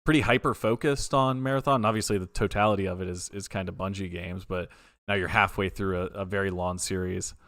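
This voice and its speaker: A man's voice: deep voice, fairly even intonation, a little fast, a bit bright, dry recording, clean studio sound. A man hosting a livestream, interviewing casually in an effusive, informal way with rambling questions. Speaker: livestream host.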